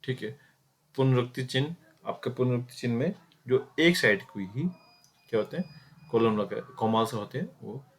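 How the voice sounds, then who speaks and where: A man's voice: mid-range voice, normal speed. Man teaching a grammar lesson. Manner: explains step by step with many fillers and self-corrections; addresses students directly, repeating key points. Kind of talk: exam-prep grammar lesson.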